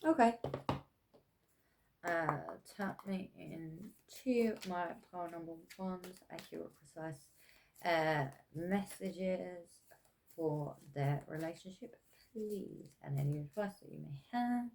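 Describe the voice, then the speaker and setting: Slow, low-voiced woman giving a rambling tarot reading. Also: gravelly. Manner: meandering, hesitant, full of fillers and self-corrections; chatty with frequent soft laughs. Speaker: tarot reader. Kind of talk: casual pick-a-pile tarot reading.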